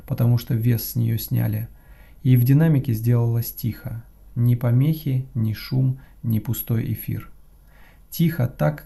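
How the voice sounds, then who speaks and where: A man narrating a first-person horror story in a slow, measured, hushed way. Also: medium pitch, vocal fry, slightly rough.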